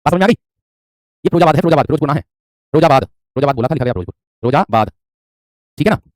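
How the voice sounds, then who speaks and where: Male Hindi teacher, rapid-fire delivery, dry close sound, repeats and quizzes. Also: a little high, animated, no echo. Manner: repetitive, quizzing, calls students "my friend". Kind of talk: online class lecture.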